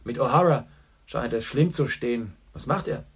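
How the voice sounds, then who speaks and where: A man voicing a boisterous, worldly middle-aged journalist who talks loudly and boastfully. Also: medium pitch, normal speed, breathy edge. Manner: loud, hearty and boastful.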